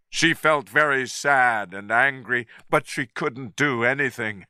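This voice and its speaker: For English learners, a man narrates a story at a very slow, deliberate pace. His voice is bright and lively in pitch, and it's recorded close and dry with no room sound. His reading is clear and deliberate.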